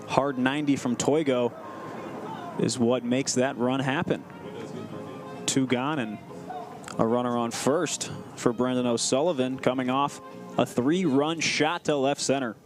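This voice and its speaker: A man's voice: medium pitch, fairly even intonation, measured pace, pauses often, over music. A man doing live baseball commentary and play-by-play from an outdoor ballpark.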